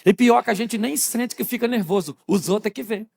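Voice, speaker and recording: Gravelly, humorous male pastor preaching. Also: high voice, fairly quick, darkish tone, no room sound. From Brazil. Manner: humorous, acts out little scenes, talks straight to the congregation. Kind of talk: sermon. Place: church.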